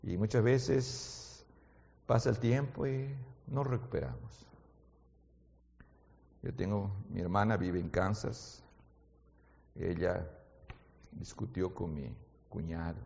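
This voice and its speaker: Speaking slowly in a low-pitched voice with vocal fry, a man delivers a sermon in a second language, with traces of his native Portuguese. He pauses often, moves from hushed intimacy to loud, fervent urging, and repeatedly questions his listeners. The recording, made in a large hall, is muffled.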